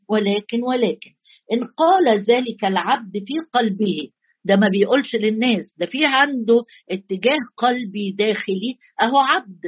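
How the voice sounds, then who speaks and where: A woman's voice: medium pitch, slightly rough. A woman with an Egyptian accent preaching a conversational sermon, acting out the voices of the people she quotes. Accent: Egyptian Arabic. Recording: dull lo-fi recording.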